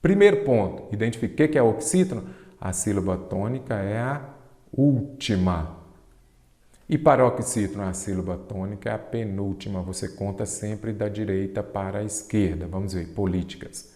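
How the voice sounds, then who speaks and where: A Brazilian man with a fairly low voice gives an exam-prep grammar lesson, asking questions and answering them himself while he stretches the key terms. The sound is echoey, with a long reverb tail like a bare hall. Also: dark tone. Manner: didactic, asks and answers his own questions, stretches key terms slowly. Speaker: Portuguese teacher.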